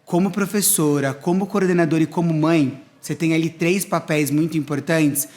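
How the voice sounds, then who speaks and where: This middle-aged academic director hosts a school talk show, his voice on the high side, steady and fairly quick with a darkish tone. Talking in a conversational interview style, he lays out his explanations one step at a time.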